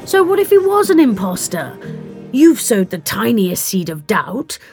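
A woman voicing a calm, wry, protective male time-travelling doctor in an audiobook story. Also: mid-range voice, unhurried, soft background music. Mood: wry, reassuring.

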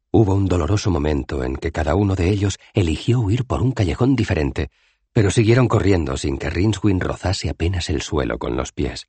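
Deep, husky male audiobook narrator. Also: darkish tone, no echo. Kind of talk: scripted narration.

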